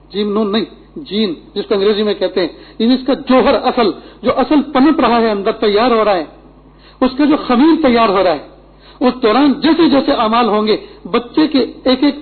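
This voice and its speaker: On a tinny, phone-like lo-fi recording, a middle-aged man delivers a Friday sermon in an extremely high, slightly rough voice. He is earnest and instructive, weaving in Arabic quotations.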